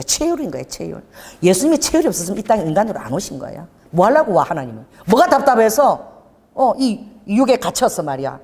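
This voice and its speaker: A middle-aged woman pastor preaching a lively Pentecostal sermon, telling a healing story and firing off rhetorical questions. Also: mid-range voice. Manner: animated preaching, rhetorical questions, acts out scenes. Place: church sanctuary. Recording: church hall reverb.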